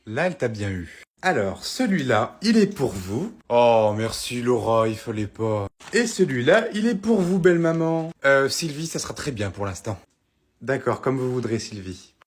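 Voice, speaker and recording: A man acting out several characters in comedy sketches, often shouting when outraged. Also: medium pitch, slightly rough.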